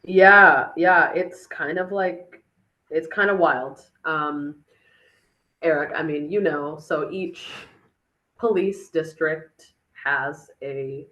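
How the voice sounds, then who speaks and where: A woman's voice: sits low, takes it slowly, bright, forceful tone, dull audio. A woman answering audience questions at a tech meetup, casual and chatty with many fillers and restarts. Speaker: speaker on a city dashboard, chief of staff.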